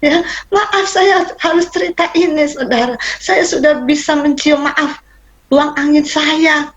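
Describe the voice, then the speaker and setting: A woman's voice: sits high, unhurried, highs cut off. A middle-aged woman, a pastor's wife, giving an emotional church testimony and addressing the congregation directly. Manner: emotional, animated, addresses listeners as "saudara".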